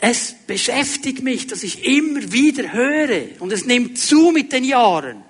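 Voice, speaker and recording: Guy preaching, pretty high voice, dramatic, goes quiet to make a point. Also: very animated, unhurried, slightly rough, big-room sound. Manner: dramatic, drops to a hushed voice for emphasis; addresses listeners directly with rhetorical questions. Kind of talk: sermon.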